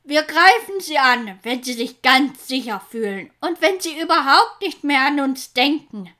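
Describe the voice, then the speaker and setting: Woman narrator voicing a sly, cruel pirate boss; grim and gloating, kept bright. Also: sits high, expressive, unhurried, exaggerated voice. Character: menacing male pirate chief, cruel and sly.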